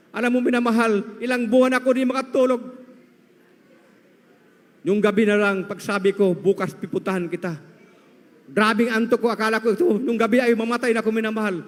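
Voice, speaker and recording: A man with a strikingly high voice tells his testimony to a congregation. He speaks as a storyteller and keeps calling his listeners beloved. His voice rings out with a long reverb from a large hall. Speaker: church member giving testimony.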